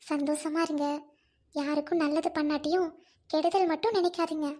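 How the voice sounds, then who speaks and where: A woman who closes a skit by calmly telling listeners its moral. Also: sits high, moderate pace. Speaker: narrator giving the moral. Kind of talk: scripted moral address.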